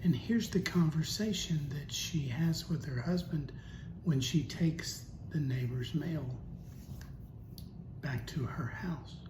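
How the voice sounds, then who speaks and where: A man explaining the Bible in a conversational way, with storytelling and rhetorical questions. He talks slowly. The recording has a roomy echo and a steady noise behind him. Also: fairly high pitch. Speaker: Bible teacher. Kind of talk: casual Bible teaching talk. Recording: echoey room with steady noise.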